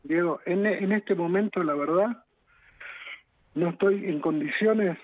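A man's voice: sits high, no room sound. Distressed Argentine man on a tinny phone line. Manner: halting, repetitive, pleading. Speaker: politician interviewed as a guest. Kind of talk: live news phone interview. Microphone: phone call.

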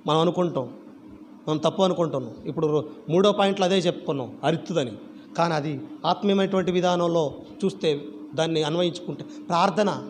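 A man preaching a church sermon in an animated way, firing rhetorical questions at the congregation. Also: a little high, fast. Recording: reverberant church hall with faint background noise.

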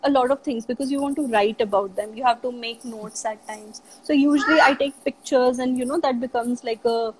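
Over a noisy background, a woman with a fairly high voice talks fairly quickly, hardly pausing at all. Appearing as a guest in a relaxed live video chat interview, she discusses her travels and her work as a teacher, leaning heavily on "you know."

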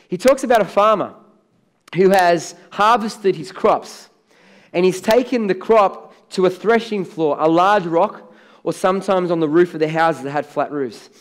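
A middle-aged Australian pastor delivers a sermon from a large church stage, his voice a little high for a man. He preaches conversationally, then presses hard on the key words he wants to land.

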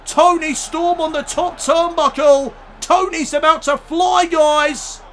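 A man shouting excitable wrestling play-by-play commentary over a video game, straining his voice as he goes. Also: very high-pitched, measured pace, slight background noise. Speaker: YouTube gaming commentator.

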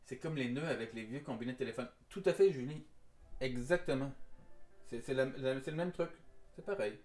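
A French-born man whose accent falls between Paris and Quebec chats easily through a live craft lesson, repeating words as he works and slipping into plain English. His voice sits in an ordinary middle pitch. It rings in an echoey room with faint music behind. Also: brisk, a little mellow. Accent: mix of Parisian French and Québécois. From France. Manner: casual and chatty, repeats words while working, switches to simple English. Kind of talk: live-stream craft tutorial, reading chat aloud.

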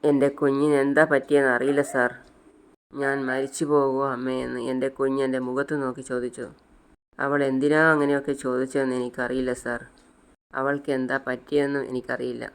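A man's voice: medium pitch, flat delivery, fairly quick, clear, resonant tone, lightly acted. A man doing a tearful pleading mother. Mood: distraught. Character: grieving poor mother at her sick daughter's bedside. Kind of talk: retold serial drama.

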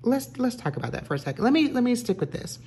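A middle-aged lifestyle vlogger chats casually at home, filmed on a camera at her dining table indoors. She is chatty, self-correcting, and full of fillers. Her voice is fairly high, sing-song, fast, and dark-toned, with slight background noise.

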